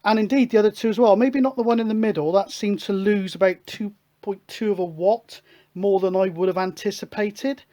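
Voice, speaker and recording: Brisk and warm, a hobbyist radio host with a medium-pitched voice chats casually through a hands-on technical demo, thinking aloud like someone tinkering at a workbench.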